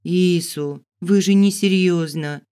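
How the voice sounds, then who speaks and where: A headstrong young heroine who talks back with indignant protest, as a male reader acts her out. Her pitch is lifted above the reader's own voice. She sounds stubborn and defiant in every line. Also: fairly even intonation, moderate pace, natural voice.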